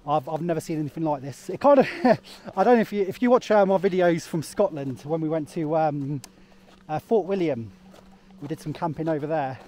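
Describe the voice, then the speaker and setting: With his voice fairly high, mellow and fairly quick, a male travel vlogger rambles chattily on a snowy hike. He laughs a lot, leans on many fillers, and records himself outdoors with the camera at arm's length.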